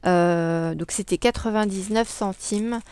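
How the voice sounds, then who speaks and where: A woman's voice: medium pitch, a little slow, darkish tone, clear, resonant tone. A woman chatting casually in a crafting haul vlog, hesitating often with many fillers. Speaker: crafting vlogger. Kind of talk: casual haul video chat.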